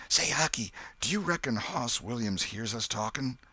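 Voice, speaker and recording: A man voicing a superstitious, frightened young boy trying to be brave, talking in hushed, nervous rustic old-time dialect in a storybook reading. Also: medium pitch, expressive, normal speed, breathy edge, dry recording, voice pushed up. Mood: uneasy, hushed.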